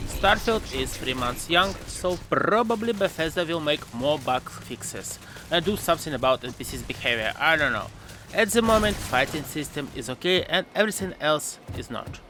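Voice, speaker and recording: A man narrating a game video essay with sarcastic, mocking humor and jokey asides. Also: a little high. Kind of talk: sarcastic voice-over commentary.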